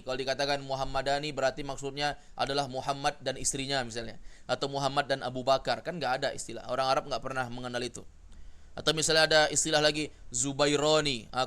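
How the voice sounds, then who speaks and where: Indonesian guy teaching a grammar class, kinda high voice, keeps quizzing the students. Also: pushed and bright. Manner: asks the class questions and has them repeat answers. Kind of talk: classroom lesson.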